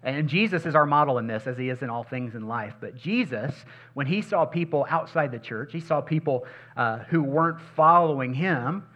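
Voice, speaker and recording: A male pastor preaching a sermon, swinging between loud emphatic passages and hushed, intimate ones, and repeating key phrases for emphasis. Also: mid-range voice, animated, moderate pace, muffled recording.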